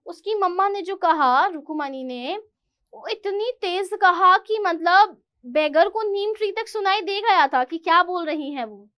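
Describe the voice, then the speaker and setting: Brief: very high-pitched woman teacher, unhurried, explaining a chapter to kids. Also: a bit bright. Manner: reads English lines slowly, then explains in Hindi.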